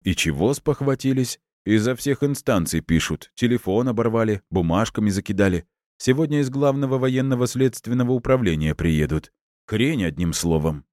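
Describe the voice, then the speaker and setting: A man voicing a smug, cynical police colonel who speaks in measured, sarcastic, deliberate words. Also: lowish voice, lively intonation, a little mellow, dry recording, studio quality, pitched above the performer's own voice, natural voice. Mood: dismissive.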